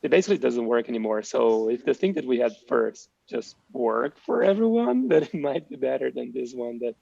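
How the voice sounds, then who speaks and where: A man taking part in an online meeting call, speaking haltingly, heard through dull lo-fi call audio. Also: mid-range voice, animated, creaky, mellow, slightly rough, no echo. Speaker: meeting participant. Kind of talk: casual technical meeting talk.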